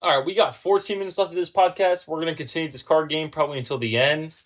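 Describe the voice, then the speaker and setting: A tipsy young man hosting a casual drinking-game podcast, talking in halting, repeated phrases. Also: on the high side, steady tone. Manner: tipsy, halting, repetitive talk while drinking. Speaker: podcast co-host. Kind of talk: casual banter over a drinking card game.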